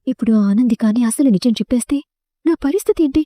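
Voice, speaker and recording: A woman voicing a cornered, scheming young woman in hushed inner thoughts. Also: a little high, fast talker, no echo, studio quality, lightly acted. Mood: anxious.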